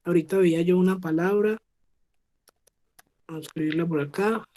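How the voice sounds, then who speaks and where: A woman's voice: fairly low pitch, brisk, dark tone. A woman from Colombia teaching an English class online, explaining pronunciation patiently and checking in with the students often. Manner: patient, checks understanding with frequent "¿sí?".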